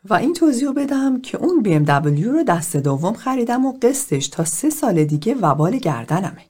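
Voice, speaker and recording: A woman's voice: mid-range voice, big pitch swings, a little mellow, husky, pitched above the performer's own voice. A woman doing a blunt casual young man.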